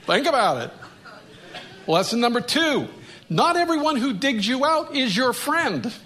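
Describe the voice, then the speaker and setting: Male pastor, humorous sermon, animated, bright tone. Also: extremely high pitch, measured pace.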